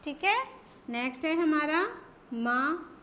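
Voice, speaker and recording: Woman teacher for a children's phonics lesson, high-pitched, slow and deliberate delivery. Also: fairly bright tone, a little hiss or hum. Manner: slow, drawn-out syllables for children to repeat.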